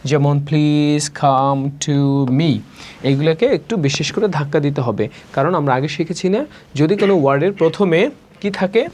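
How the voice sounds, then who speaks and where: Bangladeshi teacher drilling English words. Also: female voice, low-pitched, lively intonation, a little mellow, a little hiss or hum. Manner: slow, drawn-out drilling of words, repeating each several times. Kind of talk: spoken English lesson.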